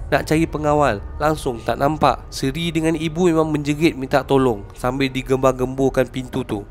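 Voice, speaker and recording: Chatty Malaysian horror storyteller. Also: male voice, mid-range voice, darkish tone. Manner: chatty asides to listeners, dramatic. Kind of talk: casual horror story narration.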